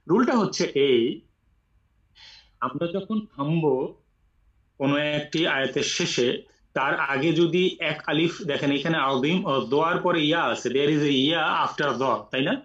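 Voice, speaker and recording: A man teaching Quran recitation in an online class, explaining rules patiently and reciting slowly with long drawn vowels. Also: fairly high pitch. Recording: echoey room, muffled audio.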